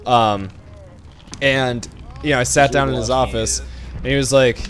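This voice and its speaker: A man's voice: medium pitch, a little slow. Young man telling a rowdy story. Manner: animated storytelling, lots of swearing and laughing. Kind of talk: casual chat.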